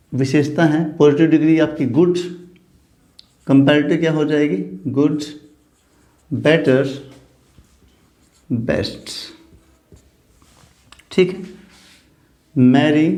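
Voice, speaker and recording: Often pausing to ask "theek hai", this male English teacher spells words out letter by letter during a classroom grammar lesson. His voice is a little high and a little mellow, and the room echoes.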